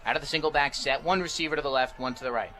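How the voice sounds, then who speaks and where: An American play-by-play announcer calls a football game live on radio in clipped, descriptive phrases. He speaks very fast in a sharp, rather high voice, and the live broadcast carries faint background noise.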